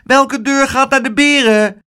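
A man's voice: very high-pitched, fairly even intonation, unhurried, pushed and bright, smooth, voice pushed up, heavily acted. A man voicing a small, stubborn wild boy raised by bears, impatient and whining.

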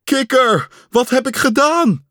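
A man's voice: fairly low pitch, huge pitch swings, slow, no room sound, clean studio sound, exaggerated voice. A man reading aloud and voicing an eager, boyish storybook figure who calls out and pleads. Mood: pleading. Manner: calling out, pleading. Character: boyish male storybook friend, eager and showing off.

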